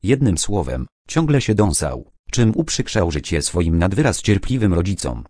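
A man narrating children's stories and poems aloud in a clear, even storytelling manner. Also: sits low, moderate pace, no echo, clean studio sound.

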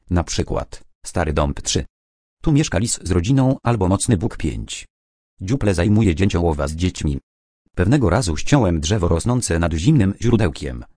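A man's voice: low voice, darkish tone, dry recording, clean studio sound. A man voicing a worried, apologetic male beaver in a children's story, speaking earnestly and ruefully.

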